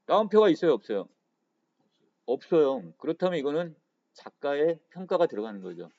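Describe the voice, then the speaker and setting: A man's voice: on the high side, very animated, a little fast, mellow. A man teaching Korean literature for exam prep, who keeps saying "자" and asks his students questions before answering them himself. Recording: dull lo-fi lecture audio.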